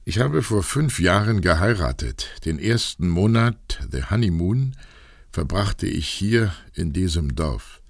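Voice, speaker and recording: A man's voice: sits low, very animated, a little slow, gravelly, dry recording, clean studio sound, exaggerated voice. A man reading as a grave, troubled count. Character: troubled aristocratic count recalling a duel. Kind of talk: audiobook reading.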